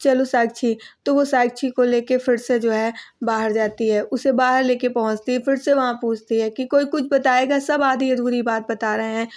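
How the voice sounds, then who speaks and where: A woman recaps an episode of a television serial in a plain, running storytelling manner with small restarts. Her voice is fairly high and steady, at a moderate pace with few pauses.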